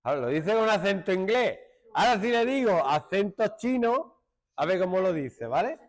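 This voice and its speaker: A middle-aged man from Málaga with an Andalusian accent, teaching a joking classroom lesson and hushing his students. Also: sits high, very animated, moderate pace. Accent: Andalusian Spanish. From Málaga, Spain. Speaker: secondary school teacher.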